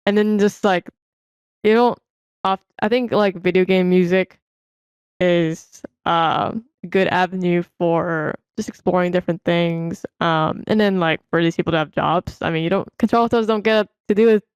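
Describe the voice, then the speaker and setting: A woman opera singer talks casually as a guest in a lowish, smooth, resonant voice. She thinks aloud with pauses and fillers. The sound is dry and close. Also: fairly even intonation, no echo. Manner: thoughtful, hesitant, many fillers. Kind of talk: casual reaction chat.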